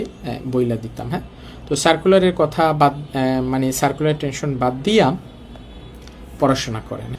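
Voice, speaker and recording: A man with a fairly high-pitched voice teaches Korean, and a little hiss or hum can be heard in the recording. His accent is Bangladeshi Bengali in the colloquial Dhaka style, and he explains step by step while asking the class rhetorical questions.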